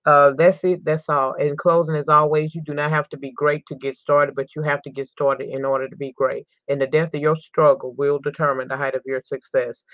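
Speaking fairly quickly with little pitch movement and hardly any pauses, a low-voiced woman hosts a crime news channel, reading an article and layering in indignant commentary with repeated words for emphasis. She sometimes stumbles and restarts, in dull, dry lo-fi audio.

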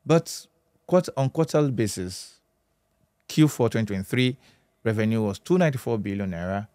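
A man's voice: lowish voice, normal speed, dry recording, studio quality. Nigerian man reading out business figures. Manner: steady, chiming in with short agreements. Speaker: business news presenter. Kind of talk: studio business news chat. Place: TV studio. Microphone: studio mic on boom arm.

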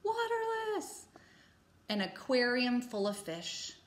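A woman teacher records a vocabulary lesson for her class, taking it at an unhurried pace. She sounds upbeat and patient, at a middle pitch, and spells each word out letter by letter. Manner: slow, deliberate, spelling words out letter by letter; upbeat, turning briefly animated on example lines.

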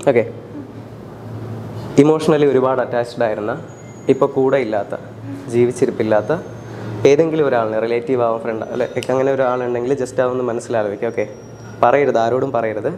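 A man performing mentalism for people on the street, talking in a calm, coaxing way and repeating soothing instructions. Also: mid-range voice, brisk, pauses often, a little hiss or hum. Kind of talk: street performance patter with spectators. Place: outdoors in public.

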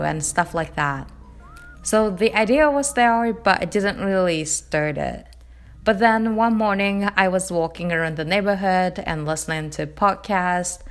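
A young woman from Japan with a Japanese accent, narrating her knitting vlog in a calm, gentle, chatty way; English is not her first language. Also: on the low side. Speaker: knitting vlogger. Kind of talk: voice-over narration.

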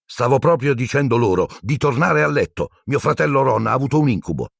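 A man playing a self-important teenage boy prefect in a storybook, indignant and bossy. The voice stays low and gravelly with a husky edge, recorded close. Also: lively intonation, brisk, no room sound. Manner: pompous, indignant.

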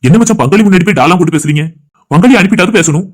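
Cartoon role: a man doing a smug young groom, high-pitched, teasing, rapid-fire. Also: lively intonation. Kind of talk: cartoon voice acting.

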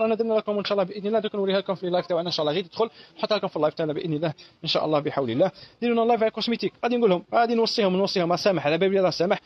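A man running a live sales pitch as a shop seller, repeating each price over and over. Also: muffled recording.

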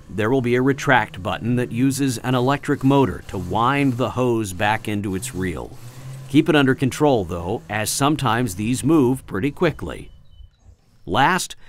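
A man reading a scripted flight-training voice-over in a clear, instructive, measured way. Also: medium pitch.

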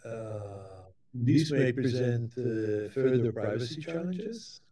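A man speaks at a leisurely, unhurried pace, delivering a technical keynote lecture to a conference. His voice is dark and mellow. He often stops and restarts, repeating small words as he gathers his next point. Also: medium pitch, animated.

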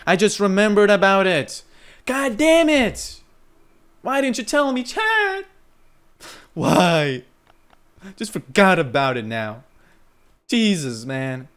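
A young man from Lithuania, streaming live gameplay commentary into a headset and talking to his chat, breaking into loud exclamations. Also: high-pitched, huge pitch swings, slow, pauses often, smooth. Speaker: gaming streamer.

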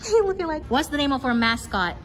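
A young woman casually quizzing students outdoors, teasing and quick to laugh. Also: high-pitched, big pitch swings, a bit bright, echoey room. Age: young adult. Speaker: street interviewer. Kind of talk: casual campus quiz interview. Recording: crowd chatter behind.

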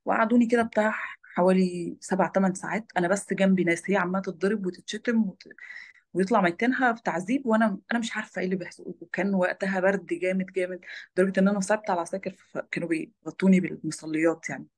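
A woman's voice: medium pitch, fairly even intonation. A young woman with an Egyptian Arabic accent, a former lawyer turned photojournalist, recounting her own experiences as an interview guest. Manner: rapid, tumbling storytelling.

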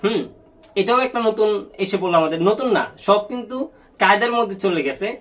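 High-voiced man teaching Quran recitation. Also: fairly bright tone. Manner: explains step by step, asks and answers his own questions; chants sample words and verses slowly and drawn out. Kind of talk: online tajweed lesson.

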